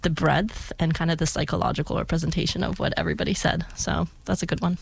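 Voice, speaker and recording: A woman's voice: deep voice, steady tone, fast, gravelly, breathy edge, dry recording. A young woman co-hosting a casual college radio talk show, chatty and hesitant with fillers. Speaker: co-host.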